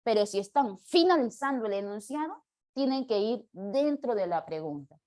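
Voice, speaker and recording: Teacher explaining punctuation, higher voice. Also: female voice, expressive, a little mellow. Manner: patient, explanatory, reads questions aloud slowly. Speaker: language teacher. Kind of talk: live online class with student questions.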